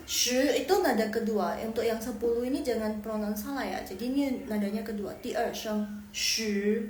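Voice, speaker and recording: In an echoey room with a little background noise, a woman with a fairly high, slightly mellow voice chats through a live online lesson on Mandarin pronunciation. She repeats syllables and tones and corrects herself as she goes.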